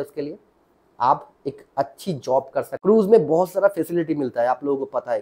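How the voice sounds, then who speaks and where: A man's voice: on the high side, darkish tone. Chatty man giving job advice. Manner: chatty, repeats points, asks "है ना?" to check. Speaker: channel host, job guidance. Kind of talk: casual direct-to-camera advice.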